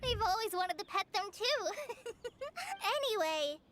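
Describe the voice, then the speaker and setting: A woman's voice: very high-pitched, lively intonation, unhurried, a bit bright, heavily acted. A woman voicing a shy, kind young female forest ranger in a video game who often hesitates and stammers. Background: game music.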